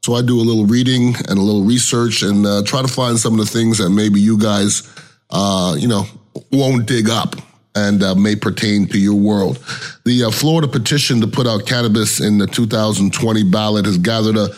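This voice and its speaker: A man's voice: on the low side, steady tone, normal speed. A middle-aged man hosting a casual solo podcast, talking in a blunt, slangy, colloquial way. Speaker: podcast host.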